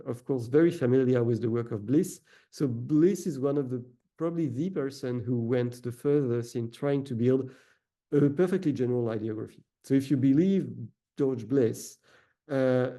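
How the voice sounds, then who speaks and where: This researcher's voice is gravelly and dark, pitched in the middle range. A native French speaker with a French accent, he delivers an academic lecture peppered with "uh" fillers and self-corrections.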